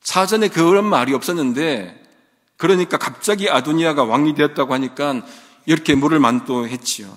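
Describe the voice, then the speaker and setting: A man's voice: fairly high pitch, a little fast, in a large hall. A male pastor delivering a morning devotional sermon, earnest and full of rhetorical questions. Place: church.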